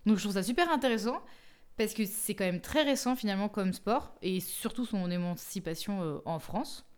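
A woman's voice: mid-range voice, normal speed, a little mellow, clear, resonant tone. Chatty young woman podcaster, self-mocking. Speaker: podcast host. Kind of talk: casual solo podcast talk.

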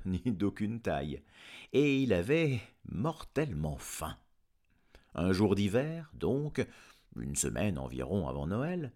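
A man narrating a storybook aloud in an expressive, dramatic reading. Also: on the low side. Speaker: audiobook reader.

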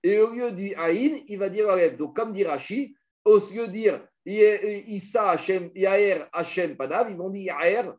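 A man teaching a Talmud study class, explaining with lively energy and weaving in quoted Hebrew and Aramaic phrases. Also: sits high, measured pace. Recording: muffled lo-fi recording.

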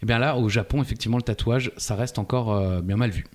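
Joking French quiz co-host. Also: male voice, on the low side, fast talker. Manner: playful, teasing banter.

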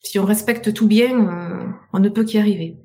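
A woman's voice: mid-range voice, dark tone. A middle-aged woman with a southern French accent, a guest on a live podcast interview who stumbles over and repeats her words as she talks earnestly. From southern France. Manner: halting, repeats words, heartfelt. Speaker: guest, business owner.

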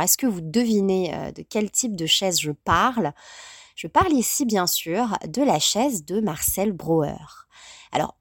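A woman's voice: mid-range voice, dry recording. Chatty French woman podcaster, dry sound. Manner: chatty, many fillers. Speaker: podcast host. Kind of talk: solo podcast talk on design.

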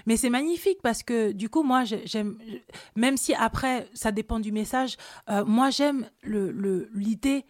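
A woman from Cameroon hosting a podcast, telling personal stories in a casual, animated interview chat. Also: a little high, a little slow, dry recording, clean studio sound. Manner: animated storytelling, many fillers. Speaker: podcast host.

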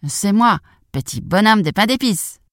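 A man's voice: high-pitched, expressive, measured pace, a bit bright, no echo, voice pushed up. A woman voicing a cheeky, boastful little gingerbread man who taunts in a sing-song way. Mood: boastful taunting.

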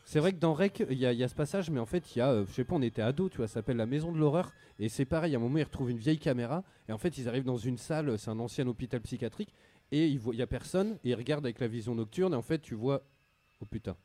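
A man's voice: mid-range voice, expressive, rapid-fire, warm tone. A man hosting a casual radio show about video games, slangy and rambling with lots of fillers. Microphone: studio microphone.

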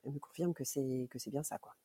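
A woman's voice: rumbling low, fast talker, mellow, husky. A woman in her thirties, a mother recounting events as a podcast guest, in a hesitant way with many fillers and restarts. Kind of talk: casual storytelling interview.

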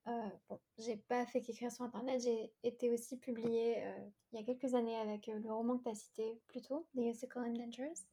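A young woman in her twenties talks as a guest on a casual podcast interview. Her voice sits a little high and has a warm, mellow tone. She answers hesitantly, with frequent fillers and restarts. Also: flat delivery, a little fast, breathy edge. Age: 20s. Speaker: novelist guest.

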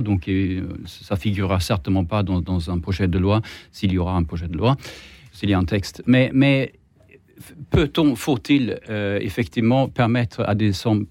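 A man's voice: fairly low pitch, darkish tone, no echo. A man with a Swedish accent speaking as a guest on a political debate panel, hesitant, stumbling over repeated words and restarts. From Sweden.

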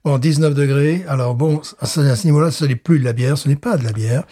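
A man's voice: medium pitch, fairly quick, mellow. A man co-hosting a casual podcast, presenting a drink in a rambling, hesitant way, often laughing and repeating himself. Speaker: podcast co-host presenting a beer. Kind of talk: casual chat.

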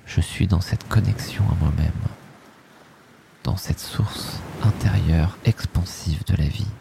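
A man with a low, gravelly voice guides a sleep meditation. His delivery is soft and soothing, drifting in short phrases at a very unhurried pace and often sinking toward a breathy whisper. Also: noisy background.

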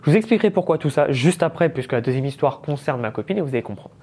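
A French man in his thirties hosts a podcast, telling a story in a relaxed, chatty manner and sprinkling English business terms into his speech. His voice sits on the high side and sounds expressive and slightly mellow, with a rapid-fire delivery.

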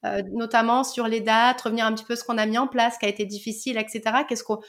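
A woman's voice: a little high, flat delivery, quick pace, a bit bright. A woman hosting a podcast, chatting casually and playfully with a guest and laughing often. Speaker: podcast host.

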